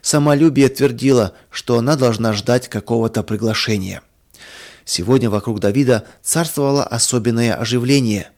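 A man reading a children's story aloud in a calm, even storytelling manner. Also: medium pitch, moderate pace. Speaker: reader of children's stories. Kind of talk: scripted storybook narration.

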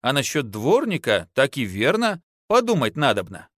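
A man's voice: medium pitch, huge pitch swings, normal speed, fairly bright tone, dry recording, studio quality. A man voicing an earthy, teasing young peasant wife in an audiobook, with folksy, scolding speech. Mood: homely. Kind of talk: audiobook narration.

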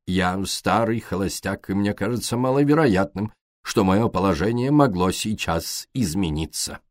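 A man's voice: fairly low pitch, wildly swooping pitch, darkish tone, dry recording, studio quality, exaggerated voice. A man doing a grave elderly detective. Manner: grave, slow, measured. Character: grave elderly foreign detective, old bachelor.

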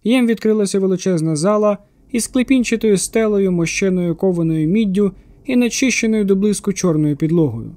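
A man reading an audiobook thriller in a steady, measured narration. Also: high-pitched, dry recording.

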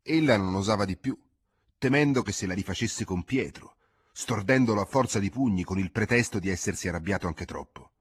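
A man narrating a classic novel as an audiobook, measured and expressive. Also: lowish voice, breathy edge. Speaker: audiobook reader.

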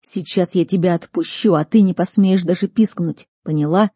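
A woman's voice: on the low side, normal speed, slightly rough, dry recording, clean studio sound. A woman voicing a brash, commanding young male mage who barks urgent orders in a storybook reading. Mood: hissing scolding. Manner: barking, shouted orders.

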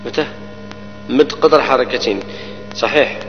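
Guy teaching tajweed, recites words slow and repeats them, long hall reverb, faint hum behind. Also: mid-range voice, lo-fi sound, faint music behind. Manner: explains rules, then recites words slowly and repeats them. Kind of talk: tajweed lesson with recited examples.

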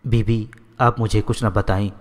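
A devoted, simple-hearted house maid, read by a man in his own low voice. She is read without any change of voice, plainly and steadily, as in a storybook. A long reverb trails behind every line. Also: fairly even intonation, close to an everyday voice. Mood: devoted, pleading.

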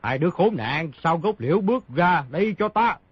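A man reading an audiobook, voicing a wounded, boisterous swordsman with a rough, boastful manner and loud laughter. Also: mid-range voice, lively intonation, quick pace, no room sound. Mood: menacing. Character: wounded gruff male swordsman, boisterous and fierce. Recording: dull lo-fi audio.

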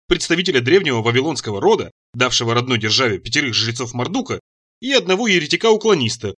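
A man narrating an audiobook in the first person, with a wry, deadpan manner. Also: medium pitch, breathy edge.

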